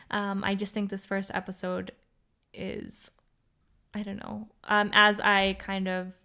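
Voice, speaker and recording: A young woman talks through her solo podcast in a smooth, clear voice at a middle pitch. She rambles in an upbeat way, full of fillers and restarts, and she sounds a little tired. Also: fairly bright tone. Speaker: podcast host. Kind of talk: casual solo podcast monologue.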